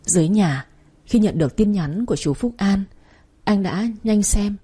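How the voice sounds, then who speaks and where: A woman narrating a first-person romance story in a steady, measured reading. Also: medium pitch, husky.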